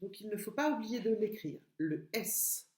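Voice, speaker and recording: A woman's voice: medium pitch, lively intonation, unhurried, a little mellow. Patient woman teacher sounding out letters. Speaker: kindergarten teacher. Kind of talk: remote literacy lesson for young children. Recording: echoey room.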